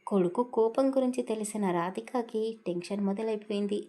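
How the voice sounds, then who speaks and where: A woman's voice: mid-range voice, brisk, dark tone. A woman storyteller narrating a romantic audio story, acting out the dialogue expressively.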